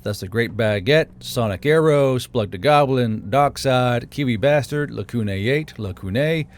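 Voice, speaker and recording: This channel host, an amateur writer, narrates his self-produced fiction audiobook and drops in informal member shout-outs. His voice sits at medium pitch with a touch of mellowness, and music plays in the background.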